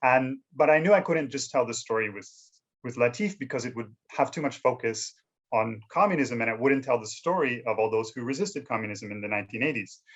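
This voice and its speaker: A man being interviewed as a filmmaker, talking in a relaxed, conversational way and often checking in with "you know" and "right?". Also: mid-range voice. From Canada. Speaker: filmmaker guest.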